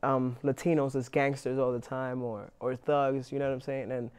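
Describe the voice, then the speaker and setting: A young male actor from Inwood, New York, is being interviewed and talks casually in a relaxed, halting way, full of restarts and fillers. His voice is medium-pitched and smooth.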